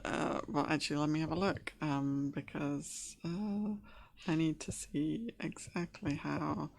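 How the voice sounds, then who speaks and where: A woman's voice: low voice, fairly even intonation, unhurried, creaky, darkish tone. A woman narrating a tabletop game as game master, hesitant and full of fillers.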